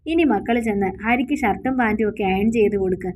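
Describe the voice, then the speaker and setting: A woman's voice: mid-range voice, quick pace, a little mellow, slight background noise, lightly acted. A woman doing a bossy mother-in-law. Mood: firm. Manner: instructing, firm.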